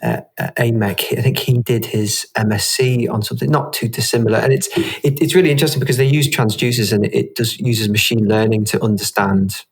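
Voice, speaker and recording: Husky male podcast co-host. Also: fairly low pitch, a little fast, few pauses. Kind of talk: casual chat.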